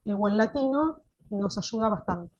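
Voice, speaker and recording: A woman's voice: medium pitch, lively intonation, moderate pace, darkish tone, no echo, dull audio. A woman giving an online teacher-training lecture, often asking "¿sí?" to check that her listeners follow. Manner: explanatory, frequent checking "¿sí?". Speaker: course instructor.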